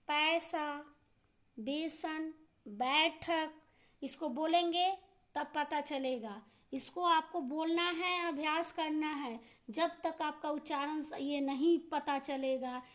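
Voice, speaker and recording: A woman teaching a children's grammar lesson, reading word pairs aloud slowly and drawing out the vowels. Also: high-pitched, a bit bright. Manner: slow, drawn-out pronunciation drills with repeated word lists. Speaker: primary school teacher. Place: school class video.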